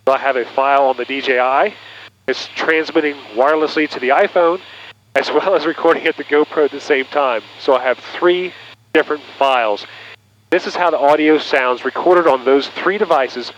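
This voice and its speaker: The muffled, noisy cockpit intercom sound comes from an aviation headset connected by intercom cable, carrying a man's fairly high, a bit bright voice at normal speed. Sounding like a pilot on a headset, he walks listeners through a product demonstration step by step.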